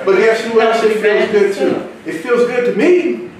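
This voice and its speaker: A man giving an animated, repetitive motivational sales talk to a seminar audience. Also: sits high, a little slow, a crowd in the background. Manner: animated, repetitive, preacher-like rhythm. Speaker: seminar speaker. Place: event hall with live audience. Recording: echoey hall, far from mic, noisy room.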